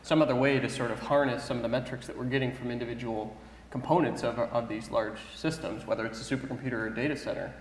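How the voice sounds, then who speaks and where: Man, panelist, thoughtful, hedging, mid pitch, echoey hall. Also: fairly even intonation, quick pace. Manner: thoughtful, hedging with "sort of" and "you know". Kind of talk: conference panel discussion. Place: large conference hall stage. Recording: echoey hall with faint room noise.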